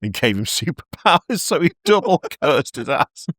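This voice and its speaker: A man's voice: a little high, sing-song, moderate pace, fairly bright tone, no room sound, studio quality. A man hosting a podcast, retelling lore in casual chat and laughing often mid-sentence. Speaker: podcast host narrating lore.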